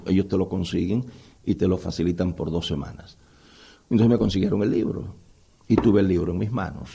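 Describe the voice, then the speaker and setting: Gravelly-voiced man giving a Bible lecture. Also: lowish voice, warm tone. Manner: conversational, addresses listeners with rhetorical questions. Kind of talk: doctrinal lecture to a live audience.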